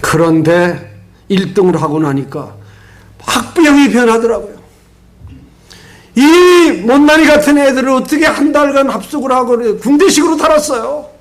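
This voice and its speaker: An older man preaching a sermon in a strikingly high voice, moving between loud, emphatic bursts and low asides. He tells stories with energy and calls on the congregation to respond together. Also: lively intonation, normal speed. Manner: leads the congregation in call-and-response. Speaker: pastor.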